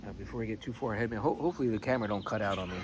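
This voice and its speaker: A man chatting casually in a rambling, halting way with mild swearing, as a vlogger recording on his phone. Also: fairly low pitch. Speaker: pipe-smoking vlogger. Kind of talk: rambling casual chat vlog. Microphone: phone camera. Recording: noisy phone recording with clear background noise.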